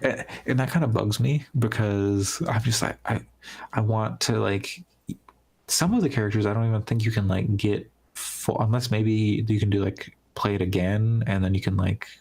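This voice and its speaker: A man's voice: on the low side, moderate pace, vocal fry, a little mellow. A man co-hosting a gaming podcast, chatting casually and rambling with lots of "like" and restarts. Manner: rambling, heavy use of "like", trailing restarts. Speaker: podcast co-host.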